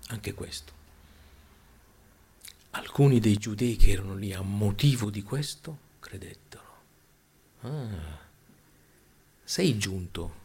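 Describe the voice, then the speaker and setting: A man preaching a sermon, swinging between loud exclamations and hushed, near-whispered lines. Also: on the low side, gravelly, slight background noise.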